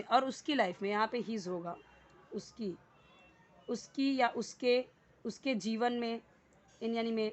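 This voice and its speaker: A woman teaching English word by word, patient and explanatory. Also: on the high side. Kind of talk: Hindi-medium English lesson.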